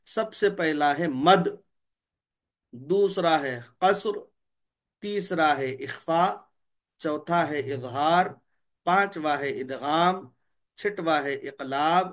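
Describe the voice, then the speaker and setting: A man teaching a tajweed lesson on Quran recitation. He demonstrates each letter sound slowly, repeats it, and often clears his throat. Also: a little high, fairly bright tone.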